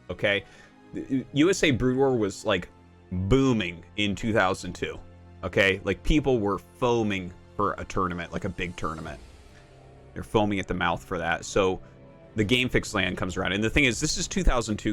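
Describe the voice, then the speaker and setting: A man's voice: on the low side, fairly bright tone. Sarcastic, swearing man in his thirties. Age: 30s. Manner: profane, sarcastic. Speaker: game streamer. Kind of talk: casual storytelling and gameplay rant.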